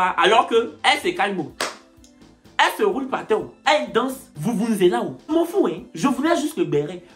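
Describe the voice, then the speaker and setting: Animated woman telling a comic story. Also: medium pitch. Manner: animated, acts out other people's voices and shouts. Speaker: comedian storyteller.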